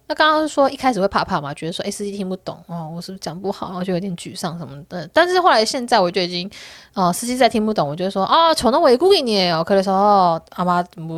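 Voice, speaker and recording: A woman vlogger chats casually to her viewers, quick and animated, her pitch bouncing all over. She tells candid stories and laughs often. The sound is close and dry. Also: dry recording. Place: Korea.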